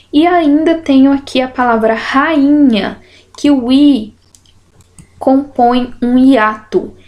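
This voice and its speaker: A woman teacher with a slow, didactic way of talking, going through exercises in a lesson and stretching out syllables to make her points. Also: on the high side, a little mellow. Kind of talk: explanatory lesson, correcting exercises.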